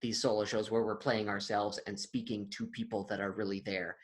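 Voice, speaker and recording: A man's voice: on the low side, flat delivery, fairly quick, poor audio. A man who acts and performs improvised solo shows, talking casually in a conversation and musing about acting with self-mocking humor. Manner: thoughtful, self-mocking, trails off and restarts. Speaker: actor and improviser, guest.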